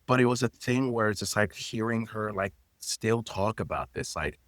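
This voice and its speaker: Speaking at a normal pace with no echo, a male guest in his late 30s tells personal stories in a relaxed interview. He is a native Haitian Creole speaker from Florida who teaches and works as an intimacy coordinator, and his very low, dry voice is expressive, with loose phrasing and many fillers.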